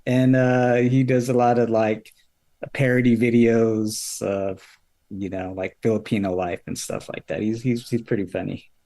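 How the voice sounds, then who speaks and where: A man co-hosting a casual podcast livestream, relaxed and a bit halting as he talks. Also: medium pitch. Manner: laid-back, halting. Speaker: podcast co-host.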